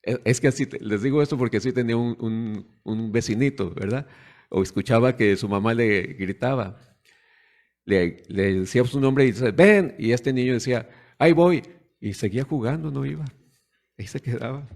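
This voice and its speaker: A man of medium pitch with a darkish tone preaches at normal speed, keeping the sermon conversational. He asks the congregation rhetorical questions and acts out how parents and children sound.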